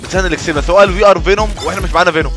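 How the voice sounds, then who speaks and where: A young man with an Egyptian accent giving excitable live gameplay commentary as a gaming host, shouting at the screen. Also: sits high, very fast. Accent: Egyptian Arabic. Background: game music.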